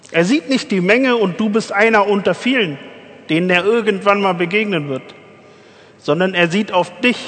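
A man's voice: high-pitched, a bit bright, big-room sound. A man preaching a sermon in an earnest way, speaking directly to his listeners.

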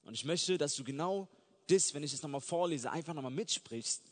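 A man's voice: fairly high pitch, lively intonation, fairly quick. A man preaching a sermon in an earnest, fervent way that builds to emphatic peaks. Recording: long hall reverb.

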